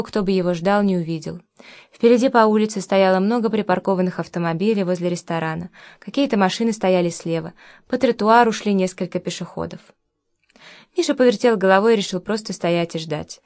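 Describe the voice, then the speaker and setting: A woman reading a novel aloud as an audiobook narrator, in a calm, even way. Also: medium pitch, a little fast.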